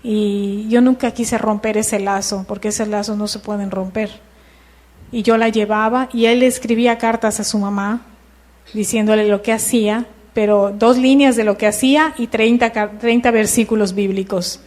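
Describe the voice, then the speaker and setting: A middle-aged woman, telling her personal testimony in church in a lively storytelling way. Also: mid-range voice, moderate pace. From Mexico. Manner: lively storytelling, acting out dialogue. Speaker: church member giving testimony.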